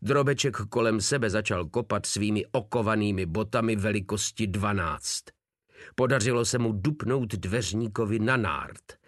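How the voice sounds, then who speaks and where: A man narrating an audiobook in a vivid, lively storytelling style. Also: on the low side, no echo, clean studio sound.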